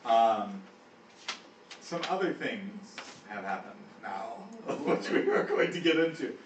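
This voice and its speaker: A man narrating as game master of a tabletop game, animated and often laughing, recorded from far off in an echoey room. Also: medium pitch, slow pace, muffled recording, a little hiss or hum.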